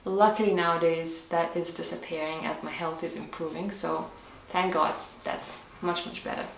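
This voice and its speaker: A health vlogger with a fairly low, gravelly voice answers viewers' questions in a casual talk to camera, keeping a steady tone at normal speed. She thinks aloud and explains step by step, with small restarts. The mic sits a little way off in a reverberant room with faint background hiss.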